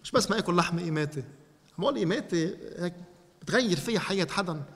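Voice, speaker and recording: A man preaching in a Lebanese Arabic accent, teaching a congregation and speaking to them directly with animated energy. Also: high-pitched, rapid-fire, in a large hall. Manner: animated, addresses listeners directly.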